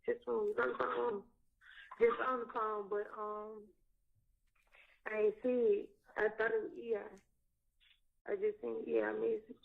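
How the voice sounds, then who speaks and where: A woman talking casually and haltingly over a recorded payphone call from a jail. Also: a little high, flat delivery, vocal fry. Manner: halting, restarts often, mumbled. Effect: heard over a jail payphone call. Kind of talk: casual phone chat. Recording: tinny phone line with faint hiss and clicks.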